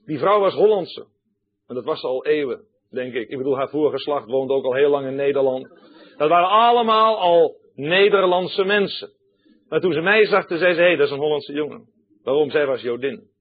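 Male preacher, emphatic sermon delivery, repeats key lines, talks straight to the congregation; fairly high voice, husky, tinny phone-like sound. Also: animated, normal speed. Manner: emphatic, repeats key phrases, addresses listeners directly.

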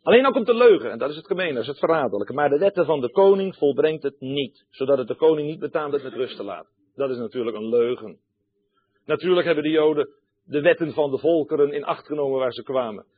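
Male preacher, emphatic sermon delivery, repeats key lines, talks straight to the congregation; fairly high voice, husky, tinny phone-like sound. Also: expressive, fast. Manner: emphatic, repeats key phrases, addresses listeners directly.

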